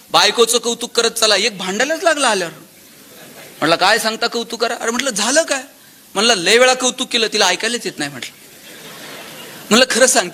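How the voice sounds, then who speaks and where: A man giving a motivational public lecture, telling stories and voicing the people in them, swinging between loud exclamations and soft asides. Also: high voice. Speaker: motivational speaker.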